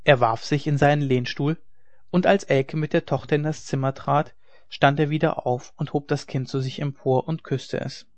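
A man reading a classic novel aloud as an audiobook narrator in a steady storytelling manner. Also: fairly high pitch, moderate pace, no room sound. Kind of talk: scripted narration. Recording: dry, dull lo-fi recording.

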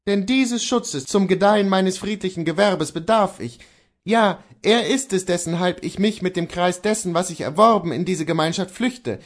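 A man voicing a high-strung defiant horse dealer. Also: moderate pace. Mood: defiant earnest. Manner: earnest, insistent pleading. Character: defiant proud male horse dealer outlaw.

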